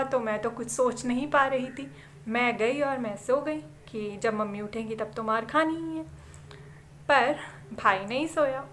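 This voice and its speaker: Slow, dramatic woman storyteller. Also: on the high side, a bit bright, slight background noise. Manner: dramatic, with pauses and repeated words. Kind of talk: oral storytelling of a childhood memory.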